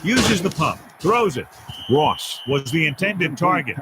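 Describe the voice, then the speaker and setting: A football game's play-by-play announcer with a somewhat high voice that rises and falls a lot. He calls each play in brisk, clipped phrases. A steady hiss runs under the game audio. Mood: calm. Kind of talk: sports play-by-play commentary.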